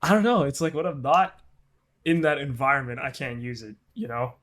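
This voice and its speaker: A man chatting loosely on a podcast, piling up fillers and false starts and swearing freely as he rambles. His voice sits at an ordinary middle pitch. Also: fairly quick, fairly bright tone. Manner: rambling, swears a lot, many fillers and restarts. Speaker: podcast co-host. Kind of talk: casual chat.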